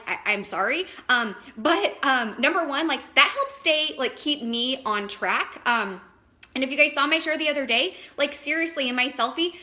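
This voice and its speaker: A woman in her thirties talks in a high voice, rambling through a casual live chat from home. She works as a wellness coach and fills her talk with fillers and restarts. Her tone is bright and sharp. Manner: rambling, chatty, filler-heavy. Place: at home, indoors.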